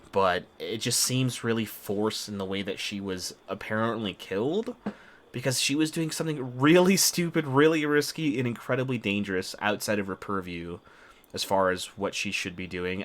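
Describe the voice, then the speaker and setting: A man giving casual gameplay commentary, earnest and halting as he rambles through his reactions. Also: fairly low pitch, a bit bright. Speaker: gamer reacting to game story.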